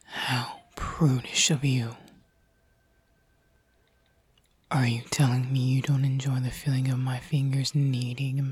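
A woman's voice: a bass voice, warm tone, breathy edge, dry recording, full character voice. A woman playing a possessive, seductive female alien in an audio roleplay, teasing and commanding in a whispery voice.

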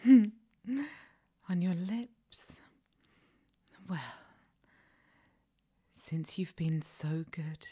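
A woman whispers in a slow, commanding ASMR roleplay, full of soft endearments. Her voice sits low and mellow, drawn out at a very unhurried pace. The whisper is airy and breathy throughout. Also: expressive.

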